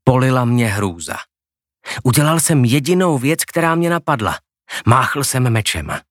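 A man's voice: medium pitch, big pitch swings, no echo, studio quality. A man reading an audiobook aloud, narrating expressively and acting out the characters.

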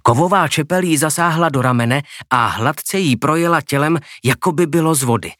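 A man's voice: fairly high pitch, fairly bright tone, dry recording, studio quality. A man reading an audiobook aloud, narrating expressively and acting out the characters.

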